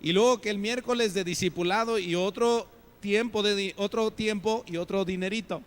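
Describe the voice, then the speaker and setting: A man's voice: high voice, fairly even intonation, normal speed. Mexican man preaching, full of questions. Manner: conversational preaching with many rhetorical questions; acts out the voices of other people. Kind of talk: sermon.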